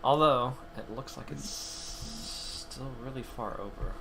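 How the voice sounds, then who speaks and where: A man's voice: medium pitch, takes it slowly, gravelly, loud music behind the voice. A man streaming his 3D design work, chatting casually and muttering to himself as he models. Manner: thinks aloud, muttering at his own work. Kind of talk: casual chat while modeling.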